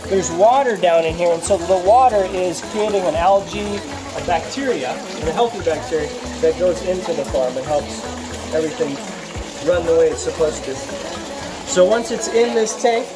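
A middle-aged man giving a casual outdoor tour of his fish farm, talking haltingly with many fillers and restarts. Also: high voice, rough recording. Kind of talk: casual walking tour explanation. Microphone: handheld camera nearby. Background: loud music added over the talk.

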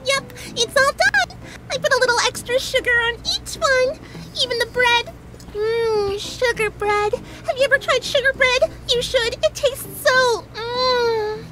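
A woman's voice: very high-pitched, measured pace, loud music behind the voice, poor audio. A woman voicing a hyper, chatty young female pony baker in a fanfic reading, bubbly and rambling.

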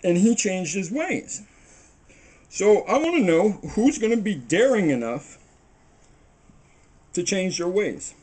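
Working dough at the table in his small kitchen, a middle-aged man who hosts a home cooking show delivers a loose, preachy monologue while baking. His slightly high, sing-song voice has a darkish, somewhat rough tone, and he takes it slowly with long pauses. The sound comes from a camera mic a few feet away on the table.

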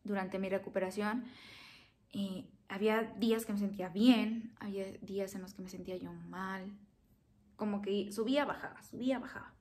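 A woman's voice: medium pitch, steady tone, normal speed, darkish tone. A young woman talking to her viewers, earnest and emotional, recounting a hard personal experience and repeating phrases for emphasis. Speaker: vlogger. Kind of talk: personal storytelling to camera.

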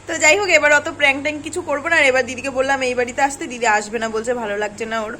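A woman's voice: sits high, fairly even intonation, rapid-fire, sharp tone, slight background noise. A young woman chatting casually to her viewers in a vlog. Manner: chatty, addresses viewers directly. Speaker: vlogger.

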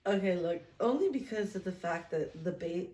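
Warm and fairly low-pitched, her voice moves at normal speed with lively intonation. She's a thirtysomething vlog host reading aloud from an old journal and chatting in a self-mocking, storytelling manner, seated at a table in a small room that echoes.

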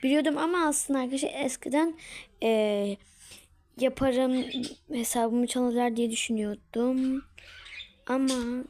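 A woman's voice: high-pitched, fairly even intonation, measured pace, a little mellow, a little hiss or hum. A woman at home walking viewers through a casual tutorial, chatting to them as friends and often dropping into a whisper while she works. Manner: chatty, keeps calling out to her friends; drops to a whisper while working. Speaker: tutorial maker.

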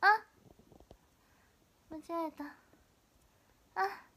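A woman's voice: extremely slow, pushed and bright. A young woman chatting casually on her livestream while crafting, stuffy from a runny nose, pushing herself to sound upbeat. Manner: forced high energy, chatty. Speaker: idol livestreamer.

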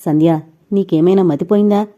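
Woman voicing a heartbroken young man, emotional, pleading, low voice, audiobook reading. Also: fairly even intonation, brisk, warm tone, natural voice. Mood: pleading, anguished. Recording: dull lo-fi recording.

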